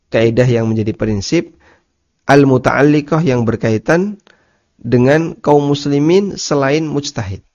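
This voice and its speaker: A man's voice: mid-range voice, a little mellow. Male teacher at a study session; patient, repetitive explaining, dull recording. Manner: explains slowly, repeats key terms, asks listeners rhetorical questions. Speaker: Islamic teacher. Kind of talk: religious study lecture.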